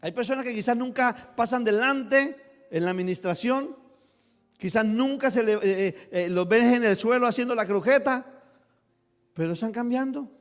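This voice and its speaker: High-voiced man preaching a sermon. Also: in a large hall. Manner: preaching with sudden bursts of loud emphasis and quick acted asides. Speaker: pastor. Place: church hall.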